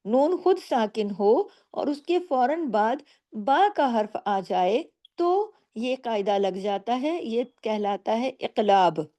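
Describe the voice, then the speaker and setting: Slow, patient woman teaching recitation. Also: a little high, expressive, mellow. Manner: patient, explains each rule and asks rhetorical questions. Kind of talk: slow step-by-step tajweed lesson.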